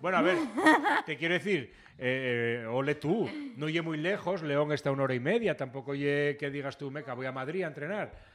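A man hosting a casual radio interview, chatty and teasing, firing quick follow-up questions. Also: fairly high pitch, big pitch swings, fairly bright tone. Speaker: radio host.

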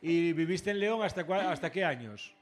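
A man hosting a casual radio interview, chatty and teasing, firing quick follow-up questions. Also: on the high side, animated, over music. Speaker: radio host.

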